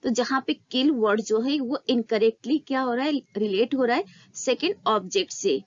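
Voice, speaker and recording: A woman teaching an exam-prep literature lesson, explaining in a Hindi-English mix, asking questions and answering them herself, and reading English statements slowly. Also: fairly high pitch, no room sound. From India. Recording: slightly dull, dry sound.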